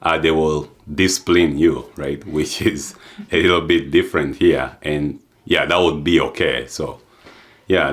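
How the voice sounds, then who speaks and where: A young man from Uganda with an extremely deep voice talks through his own story. He speaks unhurriedly and thoughtfully, often pausing on fillers and restarting phrases. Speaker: adoptee sharing experience. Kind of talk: reflective testimony.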